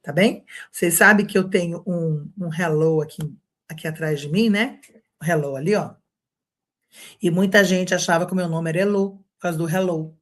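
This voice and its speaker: A woman's voice: fairly low pitch, normal speed. A Brazilian woman teaching an online English lesson, chatty and encouraging, checking in with her students again and again. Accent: Brazilian Portuguese.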